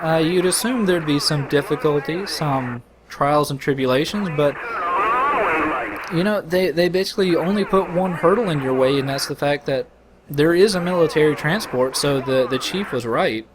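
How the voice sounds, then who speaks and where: A man with a slightly high voice rambles and jokes through casual game commentary, full of crude asides. His mic picks up a lot of hiss and game noise behind him. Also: normal speed. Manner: joking, rambling, crude banter. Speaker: let's play host. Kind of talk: casual commentary over gameplay.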